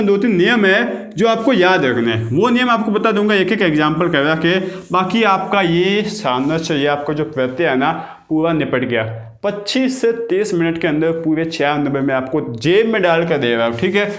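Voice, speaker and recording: A man teaches a grammar lesson in a high voice. His chatty talk keeps checking whether the class follows along. The recording sounds echoey, as if made in a bare room. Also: lively intonation, normal speed, few pauses, fairly bright tone. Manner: chatty, keeps asking "got it?". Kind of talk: exam-prep grammar lesson.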